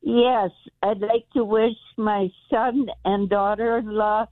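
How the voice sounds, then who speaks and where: A woman's voice: mid-range voice, steady tone, takes it slowly, dry recording. Give me a woman caller on a choppy phone line that keeps cutting out. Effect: choppy phone line cutting out mid-sentence. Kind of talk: call-in greeting. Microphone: telephone. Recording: tinny phone line that drops out.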